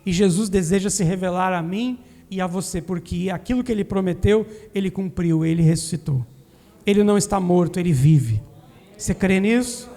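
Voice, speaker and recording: High-voiced pastor preaching in a reverberant church. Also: male voice, moderate pace, dark tone. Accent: Brazilian Portuguese, southern Brazil. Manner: earnest preaching with call-and-response questions to the congregation. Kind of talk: sermon. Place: church sanctuary. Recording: long hall reverb in a church.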